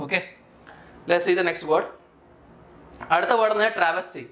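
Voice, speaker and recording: A Malayali Indian man with a high, bright voice teaches vocabulary to exam students in an explanatory lesson, mixing English terms into his speech. He is didactic and checks understanding by questioning the learner. The room has a clear echo.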